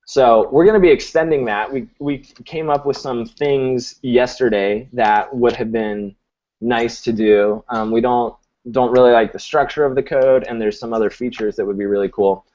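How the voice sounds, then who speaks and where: A man's voice: mid-range voice, fairly even intonation, moderate pace, a little mellow. A man hosting a live coding stream on a video call, talking casually and thinking aloud with restarts. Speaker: host. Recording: muffled lo-fi audio.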